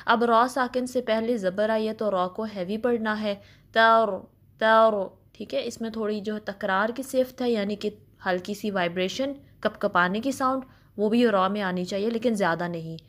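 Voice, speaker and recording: In a mid-range voice, a woman teaches Quran recitation step by step, patiently explaining each letter. She gives slow spoken examples and mixes English words into her explanations.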